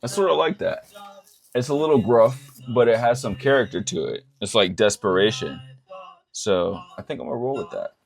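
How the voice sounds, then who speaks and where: A man talking casually while working on vocals in a home studio, relaxed and self-deprecating. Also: medium pitch, moderate pace. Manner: relaxed, self-deprecating, laughs at own attempts. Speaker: indie musician recording vocals. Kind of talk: casual vlog talk.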